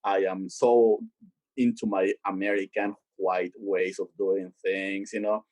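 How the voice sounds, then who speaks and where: This is a low, unhurried male voice on a rough recording with no echo. He's a theologian living in Boston, chatting about his work as an interview guest and getting more emphatic and animated when driving a point home.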